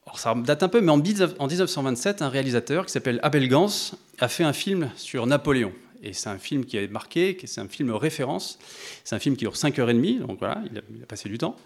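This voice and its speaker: A man preaching a sermon to a congregation, thoughtful and conversational, often pausing and restarting as he addresses his listeners directly. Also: mid-range voice, lively intonation.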